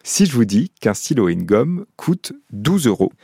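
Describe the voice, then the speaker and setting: A man, a psychology professor, giving a calm, measured scripted educational narration. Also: mid-range voice, vocal fry, breathy edge, no echo, clean studio sound.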